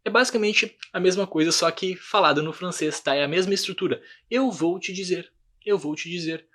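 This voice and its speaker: A man's voice: sits high, a little fast, fairly bright tone. A Brazilian man with a Brazilian Portuguese accent teaching an online French lesson, patiently repeating words and checking in with his students. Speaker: language teacher.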